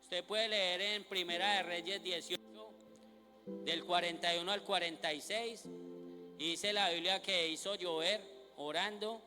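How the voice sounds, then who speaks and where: A man's voice: sits high, fairly even intonation, measured pace. A man preaching a sermon at a night vigil, reading scripture aloud and asking the congregation questions that he then answers himself. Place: church during a night vigil. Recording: reverberant church hall with music behind.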